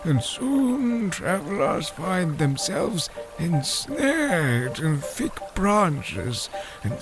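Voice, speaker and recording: Here the actor voices the aged, rambling fish-man scholar of an audio drama, his gravelly delivery formal and halting as he muses through a story. The voice is high-pitched and exaggerated, captured on a rough recording.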